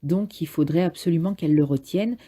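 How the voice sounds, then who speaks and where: A woman's voice: fairly low pitch, brisk, mellow. A woman casually summarizing a play aloud, hesitant and thinking as she goes, with frequent fillers. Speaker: literature summarizer.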